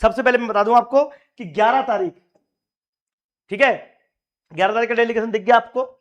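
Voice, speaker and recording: A hoarse man, a coaching teacher and union leader, speaking straight to exam aspirants in an emphatic, rallying way and repeating his key points. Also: very high-pitched, fairly quick. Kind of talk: direct address to exam aspirants.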